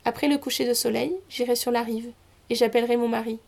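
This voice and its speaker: Give me a woman playing a soft-spoken loving young wife, slightly high and steady. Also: fast talker, creaky. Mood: calm. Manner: soothing, tender. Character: young wife of a river lord, loving and gentle.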